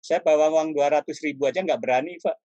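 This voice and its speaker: A man's voice: fairly high pitch, fast, darkish tone, dry recording, lo-fi sound. A middle-aged man, a painter and art lecturer, telling stories from his life in a casual interview, laughing often and calling his listener "Pak" every few words. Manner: addresses the listener as "Pak" constantly, with frequent apologies.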